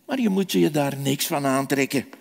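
A kind father speaks softly to his son, as a man voices him in a children's story. The voice is high and a little gravelly. It carries a long echo, as if in a large hall. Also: lively intonation, moderate pace. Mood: reassuring. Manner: soft reassuring. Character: gentle forgiving father of a boy. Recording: echoey hall reverb.

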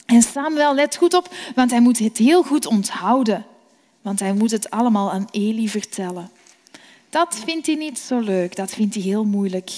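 A woman telling a children's Bible story gently and expressively. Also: fairly high pitch. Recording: long reverb.

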